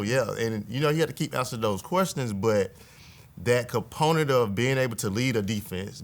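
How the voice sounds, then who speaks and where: A man in his thirties, a state legislator, talking earnestly in a relaxed conversation and often adding "right?" to his points. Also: fairly low pitch. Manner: earnest, reflective, tag questions. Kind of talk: casual conversation.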